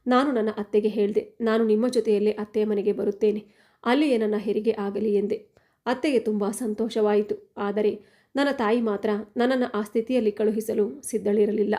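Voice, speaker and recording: A woman narrating an emotional first-person family story, reading every quoted line in a steady, even voice. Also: mid-range voice, moderate pace.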